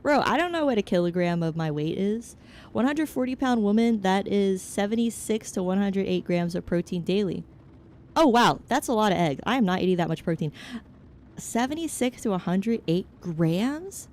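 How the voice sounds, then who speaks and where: A woman's voice: mid-range voice, animated, normal speed, a little mellow. A young woman streaming as a VTuber, chatting casually with her chat in a rambling, frank, joking way that hops from topic to topic. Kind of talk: casual chat, answering chat while gaming.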